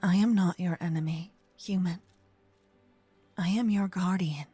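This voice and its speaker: In an ASMR roleplay, a woman plays a gentle yet possessive vampire kidnapper who calls herself a protector, speaking softly and intimately with frequent whispers into a close binaural mic that moves ear to ear. Her voice is on the low side, steady, soft and breathy, her mood urgent and earnest. She speaks slowly and dramatically with pauses, over soft background music.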